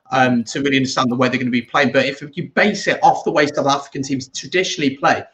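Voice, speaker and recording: A man's voice: on the high side, fairly bright tone, low-quality recording. A man hosting a casual live rugby watch-along, chatting and reading out viewer comments. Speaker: watch-along stream host.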